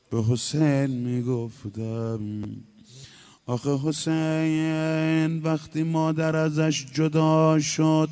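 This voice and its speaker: A man's voice: mid-range voice, a little mellow, smooth. A man delivering a chanted mourning eulogy, moving between emotional storytelling and sung lament. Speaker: religious eulogist.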